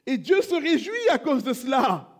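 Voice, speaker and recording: A man pastor preaching a sermon in church, moving between hushed prayerful passages and loud impassioned appeals. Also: extremely high pitch, sing-song, moderate pace.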